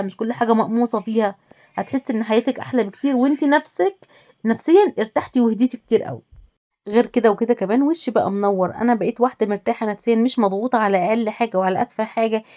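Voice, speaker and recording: A woman's voice: a little high, dark tone. A woman with an Egyptian Arabic accent, a home lifestyle vlogger giving casual advice straight to women viewers, listing and repeating her points. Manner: talks directly to the listener, listing and repeating points.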